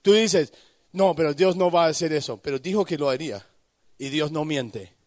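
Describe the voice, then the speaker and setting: Male preacher, high-pitched, slow deliberate sermon delivery, dry close sound, rises to shouting pleas. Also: dry recording. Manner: swings from low, quiet warnings to high shouted pleading; addresses listeners by name with questions. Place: conference hall.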